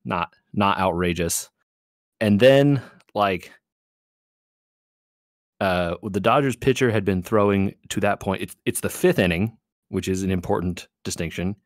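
A man with a very deep voice hosts a casual podcast chat. He rambles through stories in a loose, easygoing way, full of fillers. The sound is dry and close. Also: a little slow, dry recording. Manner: rambling, laid-back storytelling with fillers and laughs. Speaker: podcast host.

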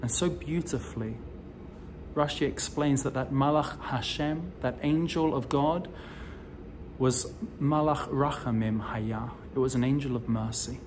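A man in his forties giving a recorded sermon as a rabbi, telling the story slowly with emphatic rises, filmed close up on a phone indoors. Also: mid-range voice, background noise. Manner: slow, deliberate storytelling delivery with emphatic rises. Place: indoors in front of a decorative wall. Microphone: phone or camera close to the face, selfie framing.

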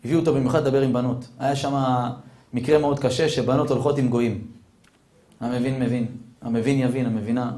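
A man, a rabbi, giving a Torah sermon full of rhetorical questions, swinging between hushed and loud. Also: mid-range voice, steady tone, reverberant.

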